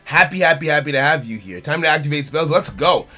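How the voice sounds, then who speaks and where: Bright-voiced streamer guy. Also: fairly high pitch, lively intonation, quick pace. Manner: laid-back, greets chat by name, repeats phrases. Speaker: game streamer. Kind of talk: casual live-stream chat.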